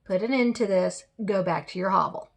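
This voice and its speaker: A woman's voice: mid-range voice, brisk, vocal fry, lightly acted. Lady doing a grumpy wishing fish, short and blunt, kinda impatient. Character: gruff male magic wishing fish.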